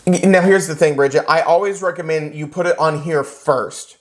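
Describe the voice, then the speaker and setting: A man teaching a real estate class, lecturing in an animated, joking way and acting out little scenes for the students. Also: on the high side, moderate pace. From United States. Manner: animated, joking, acts out characters.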